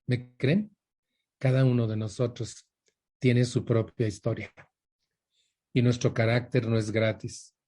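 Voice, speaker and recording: A man's voice: mid-range voice, little pitch movement, a little slow, pauses often, warm tone. An older man with a Mexican Spanish accent giving an emphatic motivational talk, repeating his points and asking the audience questions. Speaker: speaker for a women's support group.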